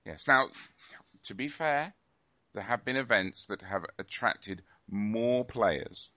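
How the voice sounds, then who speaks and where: Man, podcast host, casual chat, lowish voice, hesitant, dry close sound. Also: lively intonation, slow, sharp tone, no room sound. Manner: hesitant, filler-heavy.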